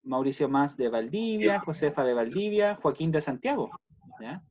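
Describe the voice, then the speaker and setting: Hosting an online university welcome session from his home, a Chilean-accented man from Puerto Montt, Chile, reads out messages in a relaxed way. His voice is a little high and darkish in tone, with lively intonation at a normal pace, picked up by a computer video-call mic that gives dull, lo-fi sound.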